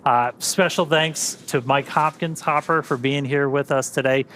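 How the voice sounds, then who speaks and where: A man co-hosting a live space mission webcast, giving an enthusiastic recap at a steady pace. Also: a little high, normal speed, slight background noise. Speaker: webcast host. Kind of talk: live launch webcast commentary.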